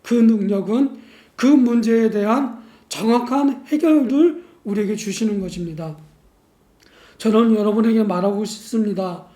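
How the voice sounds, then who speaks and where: Male pastor, sermon, measured delivery, rhetorical questions, warm tone, roomy church echo. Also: high voice. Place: church sanctuary. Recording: echoey church room.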